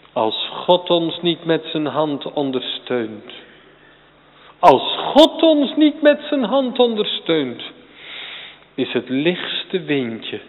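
A man preaching a sermon to a congregation and children, emphatic and swinging from quiet passages to sudden loud peaks. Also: medium pitch. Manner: addresses congregation and children directly. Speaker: pastor. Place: church. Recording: tinny phone-like sound, long church reverb.

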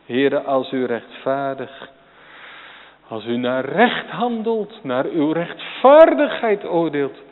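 Slow, dramatic male preacher in a church. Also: on the high side, expressive. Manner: dramatic swings from soft to loud preaching. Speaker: pastor. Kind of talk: sermon. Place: large church. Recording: phone-like sound, long hall reverb.

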